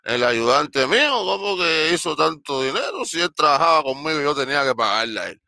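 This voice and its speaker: A man's voice: on the high side, expressive, brisk, creaky, sharp tone, no room sound, studio quality, full character voice. A man voicing an indignant middle-aged former boss who protests in disbelief.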